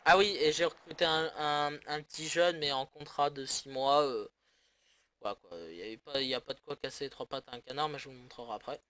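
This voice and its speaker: Man, gaming commentary, sarcastic, grumbling, bright tense tone, fairly high pitch. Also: brisk. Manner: sarcastic, grumbling, swears often. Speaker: gaming YouTuber. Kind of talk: casual let's-play commentary.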